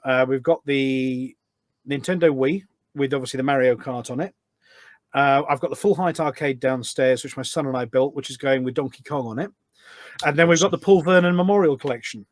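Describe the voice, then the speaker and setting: A middle-aged man speaks as a podcast guest in a casual conversational interview, talking at length and explaining things through anecdotes. He is a volunteer event organiser with a medium-pitched voice and a slightly fast pace, recorded with no echo.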